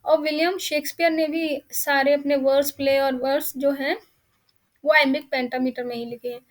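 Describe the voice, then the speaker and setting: High-voiced Indian woman teaching. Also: fairly even intonation. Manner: explains step by step, reads English questions slowly. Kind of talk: exam-prep lecture.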